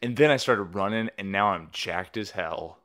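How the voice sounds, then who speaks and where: A man's voice: fairly low pitch, normal speed, fairly bright tone. A man co-hosting a podcast, chatting casually with his wife in a dry, self-deprecating, rambling way. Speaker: podcast co-host.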